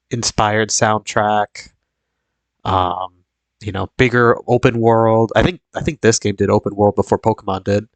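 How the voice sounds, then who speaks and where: Sniffly and congested from a cold, a young man hosts a live stream, rambling casually with lots of fillers and false starts. His voice is fairly low-pitched, and there is no echo.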